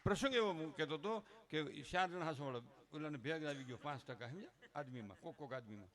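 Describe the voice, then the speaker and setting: At a religious gathering, a middle-aged man with a Kathiawadi Gujarati accent gives a humorous folk talk, quick-paced and with a voice on the high side. He jokes in a rustic style and mimics villagers before becoming earnest.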